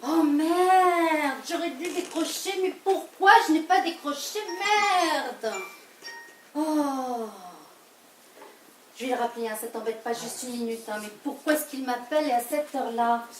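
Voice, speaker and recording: A woman's voice: high voice, slight background noise. A woman acting a flustered, defensive wife caught in a lie, in a live stage play, recorded from a distance in an echoey theatre. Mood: panicked. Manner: flustered, quick protests and repeated denials. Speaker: stage actor. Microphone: distant room mic.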